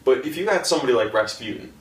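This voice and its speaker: A man's voice: mid-range voice, expressive, rapid-fire. A man on a casual comics podcast panel who rants emphatically and swears a lot. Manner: emphatic, profane ranter. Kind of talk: casual roundtable chat. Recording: echoey room, distant mic, faint noise.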